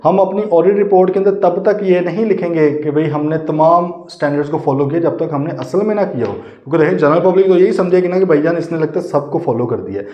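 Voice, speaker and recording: A man's voice: a little high, quick pace, few pauses. A man teaching an online audit lecture, explaining each point by rephrasing it and checking in with the class. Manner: explains by rephrasing and repeating points, asks "ठीक है". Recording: dull lo-fi sound in a roomy space.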